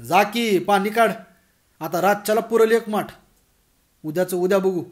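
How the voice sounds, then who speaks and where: Storybook part: gruff older village headman, bossy and scolding, high and loud, as a male narrator puts him on. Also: moderate pace, close to an everyday voice. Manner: scolding, barking orders.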